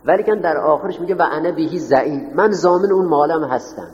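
A man's voice: a little high, a little mellow. A man teaching a class in a lecture style, dictating notes and putting questions to his students, then answering them himself. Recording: roomy, echoing hall on dull lo-fi audio.

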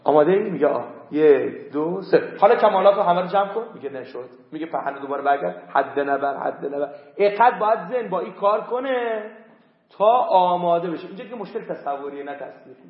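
A man's voice: high-pitched, animated. A man teaching a philosophy class, emphatic, repeating key words again and again to drill them into his students. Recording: echoey, dull lo-fi room recording.

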